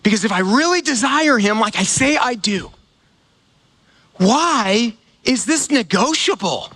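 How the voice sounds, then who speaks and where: A man's voice: very high-pitched, lively intonation, a little slow, pushed and bright. A man preaching a sermon as pastor, in a conversational way full of fillers and repeated words. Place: church gathering.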